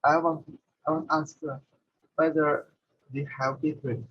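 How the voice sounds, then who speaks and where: A male student asking a question over an online call whose audio keeps cutting in and out. He speaks haltingly and repeats himself. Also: fairly high pitch, level tone, breathy edge. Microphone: video call. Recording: muffled, distant, breaking-up call audio.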